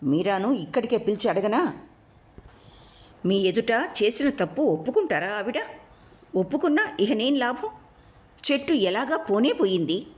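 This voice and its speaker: A woman's voice: fairly high pitch, very animated, normal speed, pauses often, pitched above the performer's own voice. A woman voicing a jealous young wife who speaks sharply and sarcastically in an audiobook. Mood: resentful. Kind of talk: audiobook role reading.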